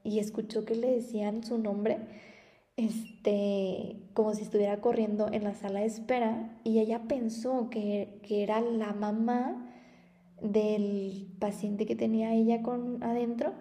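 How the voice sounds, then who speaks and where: Mellow-voiced Mexican woman podcasting. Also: a little high, level tone, measured pace, roomy sound. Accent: Mexican Spanish. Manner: chatty, warm storytelling with frequent laughs. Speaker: podcast host and spiritual therapist. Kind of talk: casual spoken monologue.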